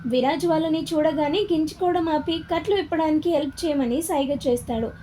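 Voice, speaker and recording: A woman's voice: sits high, fairly quick, dark tone, slight background noise. A woman narrating a serialized story, voicing every character's dialogue herself. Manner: reads all characters in her own voice.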